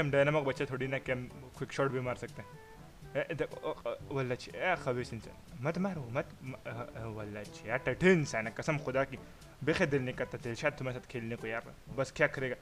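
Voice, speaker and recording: Excitable man doing comic game commentary. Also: medium pitch, fairly quick. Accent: Pakistani Urdu. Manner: excitable, mock-insulting, shouting at opponents. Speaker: gamer giving funny commentary. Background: background music.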